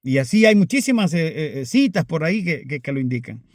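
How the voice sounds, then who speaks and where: A man with a notably high voice preaches a sermon, earnest and insistent, calling his listeners brothers. His delivery swings between emphatic rises and quiet asides. The sound is dry and close. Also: big pitch swings, brisk, no room sound.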